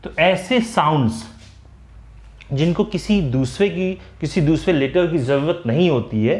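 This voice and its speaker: Male Indian-accented grammar teacher, slightly high voice, deliberate classroom explanation, roomy echo. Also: expressive, a little mellow. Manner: slow, deliberate explanation with words drawn out. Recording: echoey room.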